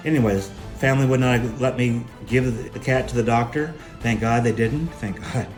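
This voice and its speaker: A man's voice: mid-range voice, steady tone, normal speed, music in the background. A middle-aged man telling a personal spiritual testimony in an earnest, emphatic, preacher-like way. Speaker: spiritual speaker sharing a testimony.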